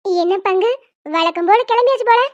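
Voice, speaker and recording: A woman's voice: very high-pitched, a little fast, lo-fi sound, noisy background. A woman voicing a young doting aunt who coaxes a crying baby in sing-song baby talk. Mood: coaxing. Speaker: cartoon voice actor. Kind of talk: homemade cartoon dubbing.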